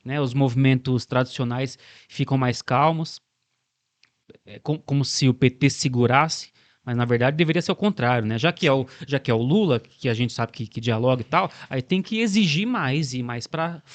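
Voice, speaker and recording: A man's voice: medium pitch, normal speed, no echo. A man with a Brazilian Portuguese accent discussing politics as a podcast host, reflective and building long arguments, often ending remarks with a questioning tag.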